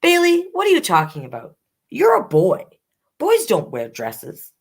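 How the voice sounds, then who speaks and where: A woman's voice: a little high, wildly swooping pitch, a little slow, voice pushed up, heavily acted. A woman voicing a stern, dismissive storybook mother who scolds her child curtly. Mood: scolding. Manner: curt, scolding. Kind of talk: picture-book character voice.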